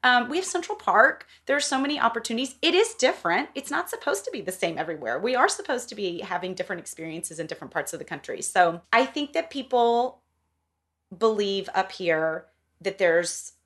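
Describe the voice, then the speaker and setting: A woman's voice: mid-range voice, expressive, a little fast, fairly bright tone. A middle-aged woman from the American South, talking in a casual, emphatic podcast conversation and laughing now and then. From Southern United States.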